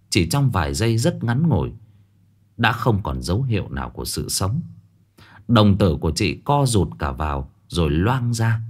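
A man narrating a first-person horror story in a dramatic, tense way. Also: on the low side. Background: faint music.

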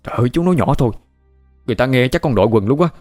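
A man voicing a terrified young man who stammers in a high, panicky voice. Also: expressive, very fast, a little mellow, no room sound, clean studio sound, faint music behind, lightly acted. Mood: whiny.

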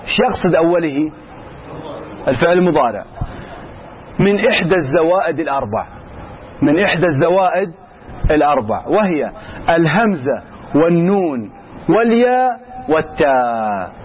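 A male grammar teacher with a high voice walks his class through the rules, asking questions and answering them himself and slipping between everyday speech and formal Arabic. He reads the text slowly before explaining it in plain words. The recording is a little dull, with faint noise behind him. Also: very animated. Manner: mixes colloquial Arabic with formal Arabic. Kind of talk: classroom lesson.

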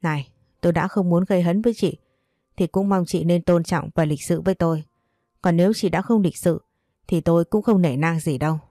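A young pregnant wife stands her ground, as a woman narrator puts her on. She stays respectful and steady, and the voice is low and warm. The recording is dry and close. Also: brisk, dry recording, lightly acted. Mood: firm. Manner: calm, firm, respectful. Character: pregnant young second wife, firm but polite.

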